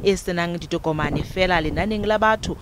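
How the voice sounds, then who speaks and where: A man's voice: high voice, fast talker, noisy background. A man with a South African Sotho accent reading a scripted news report.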